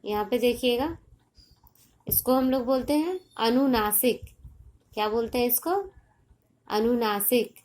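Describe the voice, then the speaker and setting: A patient primary school teacher from India, with a fairly high and slightly mellow voice, delivers a recorded online class. She goes over each point very slowly and deliberately, repeating herself and checking frequently that her young pupils are keeping up.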